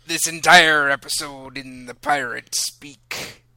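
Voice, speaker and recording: A man's voice: fairly high pitch, steady tone, takes it slowly, pushed and bright, no echo. A man hosting a casual podcast from a room in his house, chatty and self-deprecating, rambling with restarts. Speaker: podcast host.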